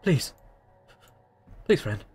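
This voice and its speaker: A man's voice: drawn-out words, darkish tone, soft background music. A man voicing a strong young prisoner in a tabletop game, stammering, pleading and urgent.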